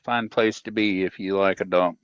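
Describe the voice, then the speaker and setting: A man's voice: sits low, fairly even intonation, normal speed, clear, resonant tone, no room sound. A man calling in over a sideband CB radio, slightly off-tune, chatting in a laid-back, rambling way as a pilot car driver. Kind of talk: casual chat over the radio. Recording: muffled lo-fi radio transmission.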